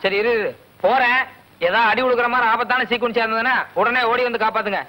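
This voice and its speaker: A man's voice: fairly even intonation, quick pace. A man acting in a comedy film scene, talking in a melodramatic, wailing manner. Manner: high, bright, melodramatic wailing.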